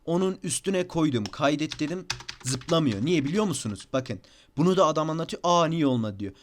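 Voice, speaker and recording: Turkish young man, higher-pitched, casual desk-mic tutorial, a bit exasperated. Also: animated, brisk, slight background noise. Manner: chatty, repeats "bakın" and "abi", slightly exasperated. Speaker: gaming tutorial youtuber. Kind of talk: casual screen-recorded tutorial. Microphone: desk microphone.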